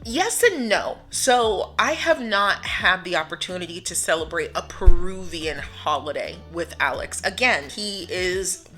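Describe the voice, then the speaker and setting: An upbeat woman from the United States chats to her viewers in a relaxed vlog, laughing often. Her voice sits fairly low but sounds bright and forward, with a little music playing faintly underneath. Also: measured pace, hardly any pauses. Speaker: vlogger. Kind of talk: casual vlog talk to camera.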